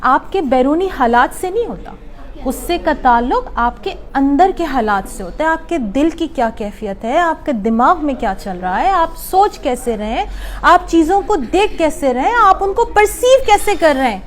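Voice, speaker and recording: High-voiced woman giving a workshop. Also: animated. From Pakistan. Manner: explains patiently, mixes English words into Urdu, takes audience questions. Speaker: psychologist leading a workshop. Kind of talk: conversational workshop talk to an audience. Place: club hall with live audience.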